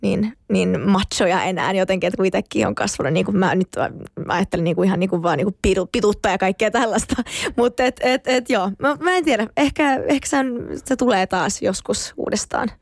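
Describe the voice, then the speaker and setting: A woman's voice: medium pitch, gravelly, dry recording, studio quality. A woman, a handball fan and player, talking casually on a radio show in a chatty way, with many fillers and restarts.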